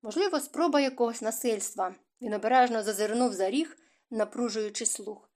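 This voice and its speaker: A woman narrates a romance novel as an audiobook, telling the story expressively in a high-leaning voice at a fairly quick pace.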